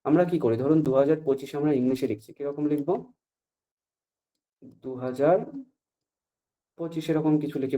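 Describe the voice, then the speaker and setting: A male teacher leads an online lesson over a video call, walking through each point patiently and stopping to check that his students understand. His voice sits a little high and has a mellow, relaxed tone. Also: dull audio. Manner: patient, explains step by step, checks often for understanding. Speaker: Sanskrit teacher. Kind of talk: online class lecture.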